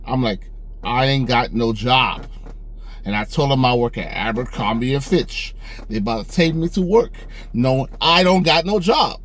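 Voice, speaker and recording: A young man casually telling a personal story, animated, acting out the dialogue with a raised voice. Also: medium pitch, moderate pace, gravelly. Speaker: storyteller vlogger.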